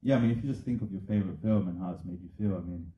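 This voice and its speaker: A man on a film panel answering earnestly in a halting way, full of fillers. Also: deep voice, warm tone. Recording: echoey, tinny sound.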